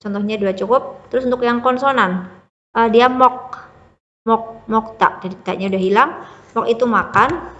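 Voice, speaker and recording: A woman's voice: a little high, moderate pace, long pauses, a bit bright, big-room sound, highs cut off. A woman teaching a beginner language lesson, explaining patiently step by step and checking in often with the listener. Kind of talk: classroom-style lesson explanation.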